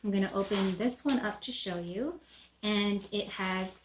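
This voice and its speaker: A woman gives a product demo in an upbeat, chatty way, stopping now and then on a filler. Her voice sits at an average pitch for a woman. The room around her is echoey. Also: a little slow, noisy background. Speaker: product presenter.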